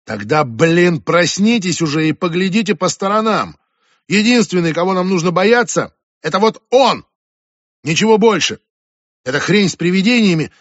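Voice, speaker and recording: Male reader doing a brash swearing teen girl, high and sharp, audiobook. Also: lively intonation, moderate pace, dry recording, lo-fi sound. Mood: furious, exasperated. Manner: shrill, swearing, exasperated. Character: foul-mouthed angry teenage girl.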